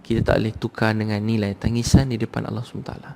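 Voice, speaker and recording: Male Malaysian preacher, gravelly voice, urges the crowd in a loose, repetitive sermon style. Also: fairly low pitch, little pitch movement, racing, mellow, a little hiss or hum. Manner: conversational, repetitive, urging the crowd. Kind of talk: sermon to a live audience.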